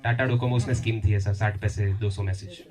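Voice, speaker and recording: A man's voice: lowish voice, fairly quick, crowd noise. A young man in his twenties doing a stand-up comedy set, telling stories and acting out dialogue. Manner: animated storytelling, mixing Hindi and English, acting out dialogue. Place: comedy venue with a live audience.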